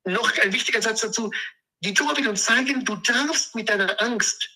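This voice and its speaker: A man's voice: extremely high pitch, moderate pace, pushed and bright, low-quality recording. A man giving an emphatic, sermon-like Torah commentary, drawing words out and repeating phrases for stress. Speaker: Torah teacher.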